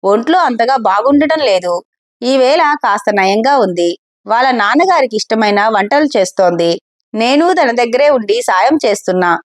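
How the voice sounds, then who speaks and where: A woman's voice: on the high side, lively intonation, normal speed, no room sound, studio quality, close to an everyday voice. A woman voicing a guarded, protective mother. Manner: curt, keen to send visitors away.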